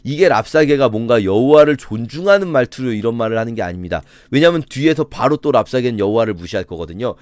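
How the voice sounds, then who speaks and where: A male pastor preaching a sermon with a lively, animated voice that leaps up and down. He tells the story dramatically and asks his listeners questions. The sound is close and dry, with almost no room echo. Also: medium pitch, quick pace, few pauses.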